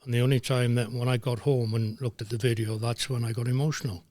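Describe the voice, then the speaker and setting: A man's voice: medium pitch, quick pace, no echo. Older man telling stories. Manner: lively raconteur, slips into voices for quotes. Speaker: former football referee, guest. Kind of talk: anecdotal storytelling.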